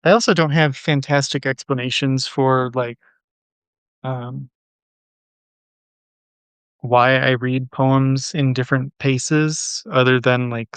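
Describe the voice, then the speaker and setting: Smooth-voiced man reading and discussing poems. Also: medium pitch, fairly bright tone, no room sound. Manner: halting, thinking aloud with many fillers; measured, unhurried poem reading. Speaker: poetry channel host. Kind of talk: poetry reading and casual discussion.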